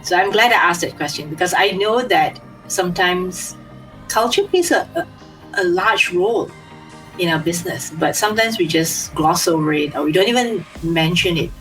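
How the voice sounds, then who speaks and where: A woman's voice: fairly low pitch, lively intonation, moderate pace, fairly bright tone, soft background music, poor audio. A woman hosting an interview, asking friendly questions that she often ends with "right?". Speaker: interviewer, host. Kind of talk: interview conversation.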